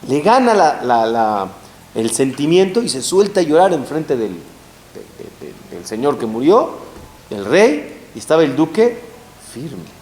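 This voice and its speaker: A man's voice: medium pitch, big pitch swings, measured pace, darkish tone. A man giving a sermon as a rabbi to a live audience, telling stories with rising emphasis and rhetorical questions. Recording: roomy hall with faint hiss.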